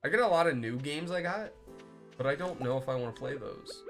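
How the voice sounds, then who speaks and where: A man's voice: mid-range voice, animated, a little fast, creaky, music in the background. A young man live-streaming a game, chatting loosely with viewers, rambling and swearing as he plays. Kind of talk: casual live-stream chat while playing.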